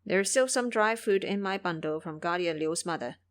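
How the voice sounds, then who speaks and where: A woman's voice: lowish voice, fairly quick, lightly acted. Woman as plaintive Tang monk Sanzang. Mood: resigned. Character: gentle, pious male monk master, gloomy and reproachful. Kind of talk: audio drama character acting.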